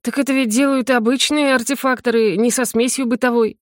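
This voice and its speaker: A woman's voice: on the high side, fairly even intonation, brisk, no room sound, clean studio sound, voice pushed up, natural voice. A woman doing an eager young male student. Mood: curious. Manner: curious, questioning.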